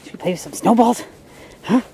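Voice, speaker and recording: A woman's voice: fairly high pitch, brisk, vocal fry, noisy background. A woman outdoors in the snow, filming her dog on a handheld camera and talking to it in a coaxing pet-talk voice with commands and praise. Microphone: handheld camera she is filming with.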